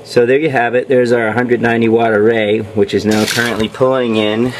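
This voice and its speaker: A man's voice: medium pitch, little pitch movement, brisk, a little hiss or hum, rough recording. A man explaining his home project while filming, in a plain way with many ums and uhs. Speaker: channel host. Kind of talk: casual home-project video walkthrough. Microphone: camera mic, off-screen filming.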